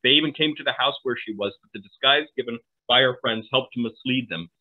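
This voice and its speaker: Middle-aged male historian, casual lecturing manner with asides, mid pitch, phone-like webcam audio. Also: fast talker. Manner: conversational, asides and tag questions. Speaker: historian presenting a talk. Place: home room, video call.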